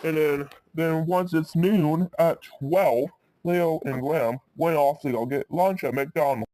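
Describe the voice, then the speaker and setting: A man's voice: on the high side, slow pace, dark tone, dry recording. A man improvising a storytime, rambling and restarting his sentences often.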